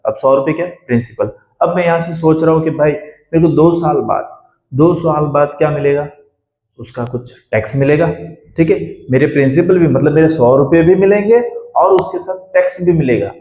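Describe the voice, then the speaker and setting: Slightly high and slightly mellow, a male voice leads a maths lesson as if at a blackboard. He puts questions to his students but supplies the answers on his own, with a spacious classroom echo around him.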